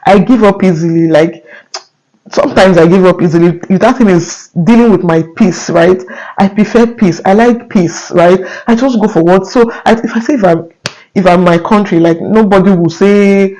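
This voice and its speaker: A man's voice: high voice, normal speed, darkish tone, rough recording. A young Nigerian man with a Nigerian accent, talking earnestly to his viewers in a casual vlog, often checking in with "right?" and restarting his sentences. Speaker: vlogger. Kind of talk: casual talk to camera.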